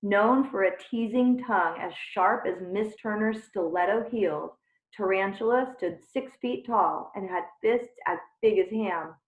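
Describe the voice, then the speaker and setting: A woman reading a children's chapter book aloud with unhurried, expressive storytelling. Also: mid-range voice. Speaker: reader. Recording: tinny phone-like sound in a roomy space.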